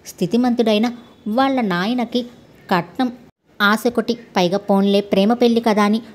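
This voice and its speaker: A woman's voice: on the high side, fairly even intonation, moderate pace, close to an everyday voice. Sastri, a woman doing a hot-headed young man. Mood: heated. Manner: loud, blustering. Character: hot-tempered young man, quick to threaten.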